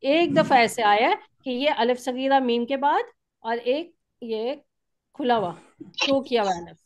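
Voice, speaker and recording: A woman teaches a grammar class over a video call. She explains patiently, point by point, and keeps checking that her students are following. Her voice sits high. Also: animated, a little slow. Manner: patient, explains step by step with frequent "theek hai?".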